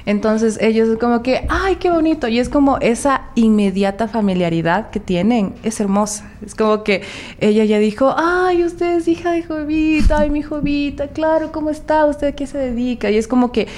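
As an interview guest, a woman from Ecuador's Valle del Chota tells stories casually and animatedly in an Ecuadorian Spanish accent. Her voice is fairly high and a little mellow, at a moderate pace.

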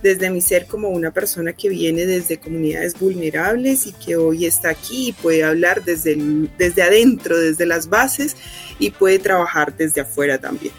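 A Colombian woman, a university professor, answering interview questions in an earnest way with slow, stressed phrases. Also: fairly low pitch, soft background music.

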